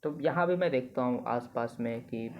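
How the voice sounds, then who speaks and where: A man's voice: medium pitch, moderate pace. Casting note: young male interviewer from Bihar, thoughtful casual chat, somewhat dull, lo-fi sound. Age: young adult. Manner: reflective, mixes English filler words into Hindi. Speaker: host, interviewer. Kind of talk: casual conversation. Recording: dull lo-fi audio.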